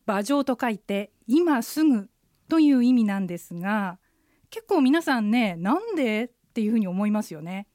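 A woman, an interpreter guide, teaching a radio language lesson, explaining phrases patiently and slowing down to model pronunciation. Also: fairly high pitch, big pitch swings, darkish tone, dry recording, studio quality. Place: radio studio.

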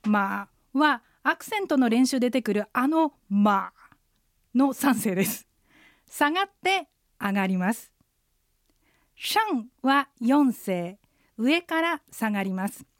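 Higher-voiced woman teaching on the radio. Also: lively intonation, no echo, clean studio sound. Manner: patient, explanatory, slows down for pronunciation. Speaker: licensed interpreter guide and Chinese teacher. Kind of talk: radio language lesson. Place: radio studio.

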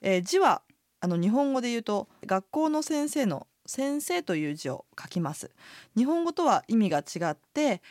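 Woman co-host, inn hostess, patient pronunciation teacher, very lively pitch, dry studio sound. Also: moderate pace, no echo. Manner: clear and patient, with fillers. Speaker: inn hostess co-hosting a language lesson. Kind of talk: radio language lesson, teaching pronunciation.

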